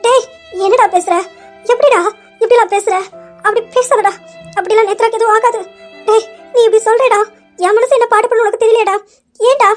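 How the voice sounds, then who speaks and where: A woman's voice: very high-pitched, fairly even intonation, a little fast, soft background music. A woman voicing a loving middle-aged mother who soothes and reassures her crying son in an audio drama. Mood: anxious comforting. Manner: soothing, pleading. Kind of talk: amateur audio drama acting.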